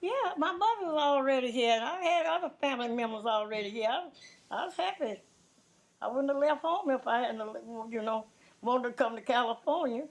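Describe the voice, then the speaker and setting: Very old Southern woman, high-pitched voice. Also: lively intonation. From Louisiana, USA. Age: 90s, elderly. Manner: plain-spoken, repeats words, halting starts. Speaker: interviewee. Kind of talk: casual oral-history reminiscence.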